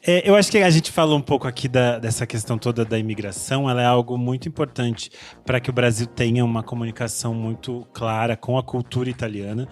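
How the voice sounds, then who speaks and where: A man from Brazil hosting a music podcast, explaining history in a measured way with hesitation fillers. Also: mid-range voice, fairly even intonation. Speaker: podcast host. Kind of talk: explanatory commentary.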